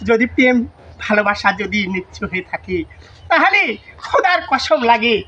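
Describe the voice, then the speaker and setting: A high-voiced woman delivers romantic lines like a hammy folk-theatre actor. Her manner is openly melodramatic. The recording is dull and lo-fi, with some noise around her. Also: sing-song, normal speed, pushed and bright. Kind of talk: folk-theatre style romantic performance with singing. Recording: dull lo-fi sound, background noise.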